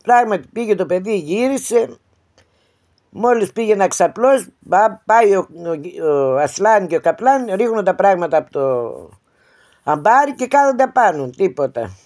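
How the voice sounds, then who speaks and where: A woman's voice: mid-range voice, sing-song, darkish tone. Homely woman telling a village tale. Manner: plain, homely, with restarts and repeated "she says". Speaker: storyteller. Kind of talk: oral folk-tale narration.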